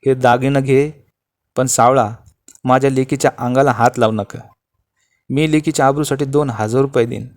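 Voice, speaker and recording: A man's voice: mid-range voice, steady tone, moderate pace, long pauses, close to an everyday voice. Man playing a meek pleading old father. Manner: soft, pleading, subdued. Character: frightened older village father, pleading and meek.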